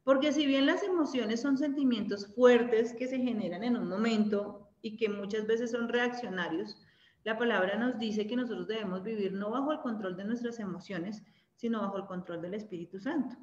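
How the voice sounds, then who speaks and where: A Colombian-accented woman with a fairly high, darkish-toned voice leads a women's Bible study at a moderate pace. She speaks conversationally and checks in with her listeners often, tagging questions onto the ends of her points. The audio is dull, lo-fi, and echoey.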